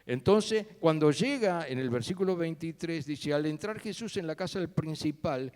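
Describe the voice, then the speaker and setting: Lively preacher in echoing church. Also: male voice, on the high side, normal speed. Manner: animated storytelling with sudden loud and soft turns. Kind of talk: sermon. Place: church sanctuary. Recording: long church hall reverb.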